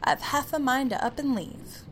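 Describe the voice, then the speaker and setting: A woman voicing a pompous, rude male creature on the ceiling, talking in a loud, haughty, scolding way. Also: medium pitch, expressive, moderate pace, slight background noise.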